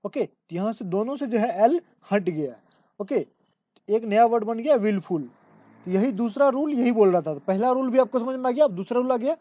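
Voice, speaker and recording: Woman teacher, mellow voice, going over rules again n again, muffled dry audio. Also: a little high, animated, no echo. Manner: repetitive step-by-step explaining, reads English rules out slowly. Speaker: English grammar teacher. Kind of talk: exam-prep lesson. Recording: dull lo-fi dry recording.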